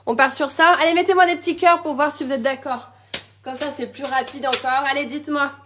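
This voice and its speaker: A woman's voice: high-pitched, fairly even intonation, fairly quick, noisy background. A woman hosting a live crafting tutorial, chatty and bubbly, answering viewer comments as she works. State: slightly losing her voice, coughing. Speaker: crafting demonstrator and live-stream host.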